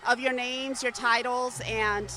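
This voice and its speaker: A woman's voice: fairly high pitch, fairly even intonation, slow. A woman co-hosting an interview at an outdoor park event, friendly and upbeat. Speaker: co-host.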